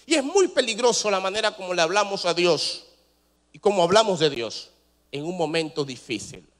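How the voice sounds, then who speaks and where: A male pastor preaching a sermon, asking rhetorical questions and swinging between loud rises and soft drops. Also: high-pitched, lively intonation, moderate pace. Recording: long hall reverb.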